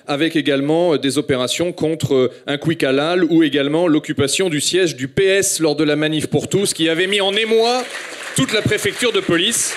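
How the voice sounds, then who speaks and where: A man's voice: fairly high pitch, a faint crowd. A man with a French accent moderating a panel, introducing guests with frequent hesitations. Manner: halting, many hesitations.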